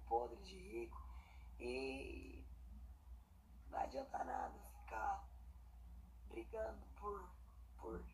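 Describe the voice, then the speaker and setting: A young adult Brazilian woman with a hoarse, breathy voice, giving a casual personal statement into a phone held at arm's length while lying down indoors. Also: fairly high pitch. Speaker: singer. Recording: noisy phone recording.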